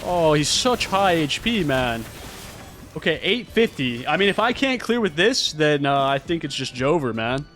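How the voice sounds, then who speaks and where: A man streaming live gameplay, talking to himself and breaking into frustrated shouts. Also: on the high side, very animated, moderate pace, a little hiss or hum. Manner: mutters to himself, bursts into shouts when frustrated.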